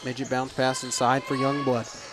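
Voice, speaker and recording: A man's voice: medium pitch, little pitch movement, moderate pace. A male play-by-play announcer calling a school basketball game, sleepy and yawning, with chatty asides between plays. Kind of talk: casual sports commentary. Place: school gymnasium.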